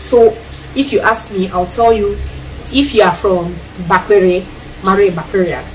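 A thirty-something vlogger with a Cameroonian accent talks at a moderate pace in a medium-pitched voice, chatting to camera as she cooks in her small tiled kitchen. Animated, she uses plenty of hand gestures and acted-out quotes. The camera stands a few feet back, yielding distant, low-quality sound with slight background noise.

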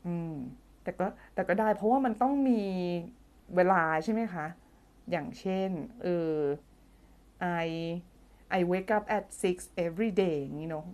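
Her voice sits on the low side, a little mellow, and she speaks slowly. She's teaching English grammar live, reading out what viewers comment, chatty and playful, with frequent laughter and humming as she thinks aloud. The audio comes from a phone or desk mic for live streaming.

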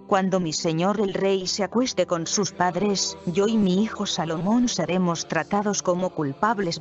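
Steady scripture reader over faint music. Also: mid-range voice. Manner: steady reading that announces each verse number aloud. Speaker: Bible reader. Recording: dull recording with faint music behind.

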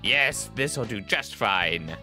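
A man's voice: fairly low pitch, expressive, takes it slowly, sharp tone, faint music behind, exaggerated voice. A man voicing a haughty, insulting male toy lord in a game, sneering and theatrical with a goblin-like voice. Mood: pompous.

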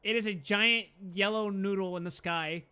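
A young man chatting casually with friends, animated and joking, often laughing. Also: high voice, normal speed, clean tone. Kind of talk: casual chat among friends.

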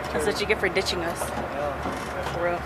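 A young woman filming a casual travel vlog on her phone, chatty and gushing over every view as she walks through busy city spots and rides a boat. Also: mid-range voice. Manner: chatty, gushing, easily impressed. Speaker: vlogger. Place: outdoors in a busy city, on a boat and in crowded public spaces. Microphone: handheld phone camera. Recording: noisy phone video in crowds. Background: crowd chatter and loud street and water noise.

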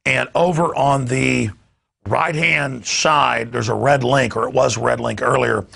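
A man's voice: medium pitch, fairly even intonation, a little slow, creaky, pushed and bright. A man hosting a news show in a studio, rambling off the cuff with stammering restarts.

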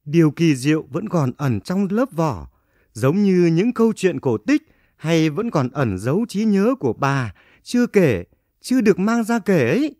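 Man doing a hearty friendly wind spirit, kids storybook, raised animated voice, really encouraging. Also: a little high, measured pace, no room sound, studio quality. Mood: hearty encouragement. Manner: emphatic, encouraging, repeats phrases. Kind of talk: children's storybook character voice.

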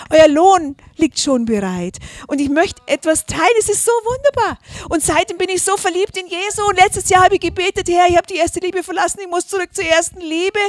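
Woman, high voice, passionate church testimony, dry close sound. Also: dry recording. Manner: passionate, swings between hushed and loud exclamations. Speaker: church member giving testimony. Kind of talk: fervent sermon testimony. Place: church service.

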